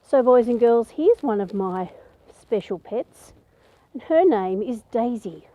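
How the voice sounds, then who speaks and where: A woman presenting to young children outdoors in a garden, with a bright, sing-song children's-host delivery, speaking to them directly. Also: a little high, animated, unhurried, phone-quality sound. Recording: clear outdoor background noise.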